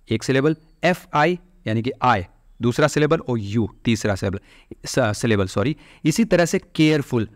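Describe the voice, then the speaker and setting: A man's voice: medium pitch, no room sound, clean studio sound. A man teaching an English grammar class online, explaining step by step and drawing words out syllable by syllable. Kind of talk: online class lecture in Hindi.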